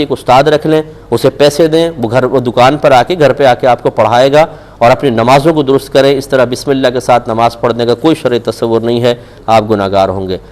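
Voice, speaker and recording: On a live TV program, a man with a Pakistani Urdu accent fields religious questions in a mid-range, slightly mellow voice. His manner is firm and reproving, and he leans on rhetorical questions.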